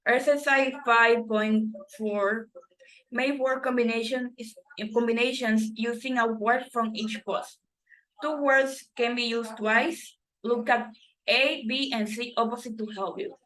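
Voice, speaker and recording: Slow, halting woman reading a textbook. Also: on the high side, fairly even intonation, a bit bright, rough recording. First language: Spanish. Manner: halting, self-correcting reading with restarts. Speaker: student reading textbook exercises.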